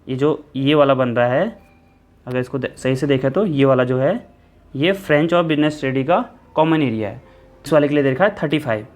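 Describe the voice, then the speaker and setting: Man explaining a maths problem step by step. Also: fairly high pitch. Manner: steady explaining, repeats steps, self-corrects. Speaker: maths tutor. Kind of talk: exam-prep maths lesson.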